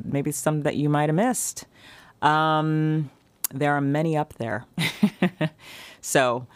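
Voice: mid-range voice, no room sound. Upbeat chatty podcast host, dry sound. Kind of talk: podcast intro and interview.

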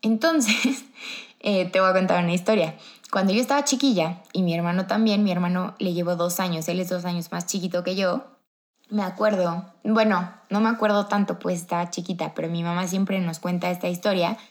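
A woman's voice: fairly low pitch, fairly even intonation, a little fast. An upbeat woman with a Mexican accent hosts a motivational podcast. She is chatty and talks straight to her listener. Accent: Mexican Spanish. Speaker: podcast host.

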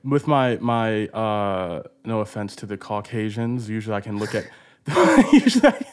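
A young man in his twenties with a lowish voice, hosting a laid-back podcast interview. He talks in a loose, chatty way, filling gaps with "like" and dropping casual swears. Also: very animated, moderate pace. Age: 20s. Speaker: podcast host.

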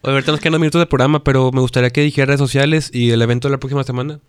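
A man hosting a radio show, briskly wrapping up the segment. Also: mid-range voice, steady tone, smooth, no room sound, studio quality. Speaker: radio host. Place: radio studio.

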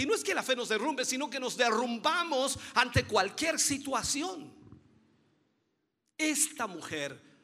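A man with a very high, bright, ringing voice preaches fervently, his pitch swinging widely as he stresses each point. He builds repeated phrases to a climax and addresses listeners as dear brother, while his voice trails into a long hall reverb.

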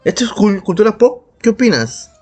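With music behind him, a Peruvian man co-hosts a podcast in a casual, opinionated chat full of slang and heavy profanity, speaking with a Peruvian Spanish accent. His voice sits high and sounds very animated and a little mellow, at normal speed.

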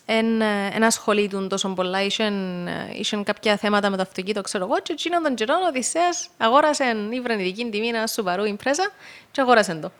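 A young woman with a Cypriot Greek accent, a rally co-driver talking as a guest in a relaxed podcast chat, telling stories loosely with plenty of fillers. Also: medium pitch. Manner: chatty, loose storytelling with many fillers. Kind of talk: casual podcast conversation.

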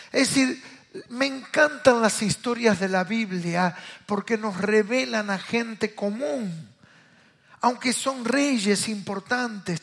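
Rioplatense pastor guy preaching hard, husky and slow, goes loud then hushed. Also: high voice. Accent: Rioplatense Spanish. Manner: impassioned, swings from loud calls to hushed asides. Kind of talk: sermon.

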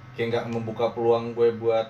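A man's voice: medium pitch, monotone, normal speed, echoey room, muffled recording, a little hiss or hum. A man chatting casually with friends, telling stories and swearing offhandedly. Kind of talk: casual chat among friends.

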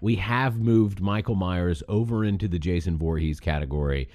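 A man's voice: sits low, moderate pace, a little mellow, no echo. A man co-hosting a podcast, chatting casually and telling things with emphasis. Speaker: podcast co-host. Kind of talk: casual chat.

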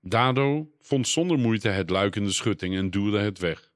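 A man with a fairly low voice narrates a children's adventure story at a calm, measured pace. The delivery is scripted and steady, and the recording is close and completely dry. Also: no echo. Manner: calm, measured read-aloud pacing. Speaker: audiobook narrator.

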